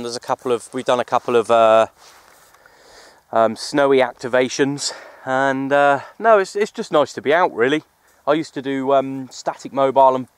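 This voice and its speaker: This man's voice is medium-pitched and clean, recorded dry. As a CB radio operator and vlogger, he narrates an outdoor radio session on an open hill, keeping the talk informal and matey, a mix of casual vlog and radio chat.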